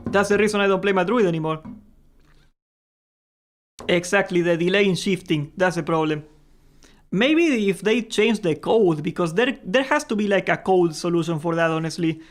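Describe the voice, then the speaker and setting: Chatty high-voiced young man streaming. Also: moderate pace. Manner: chatty, joking, swears casually, laughs often. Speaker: gaming livestream host. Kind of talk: casual live-stream chat.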